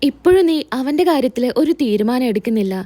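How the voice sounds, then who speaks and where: A woman voicing a gentle middle-aged mother who soothes and reasons with her upset daughter. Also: high-pitched, lively intonation, fast, no room sound. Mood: reasoning.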